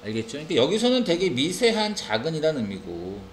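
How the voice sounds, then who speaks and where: Lively Korean man teaching English. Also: on the high side, quick pace, slight background noise. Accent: Korean-accented English words. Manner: lively, keeps checking in with tag questions. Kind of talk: classroom reading lesson. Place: academy classroom.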